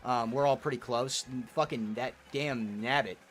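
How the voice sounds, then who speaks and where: A man's voice: mid-range voice, a little slow. A young man streaming a kart racing game, reading chat aloud and answering in crude, profane banter. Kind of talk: casual gaming stream chat.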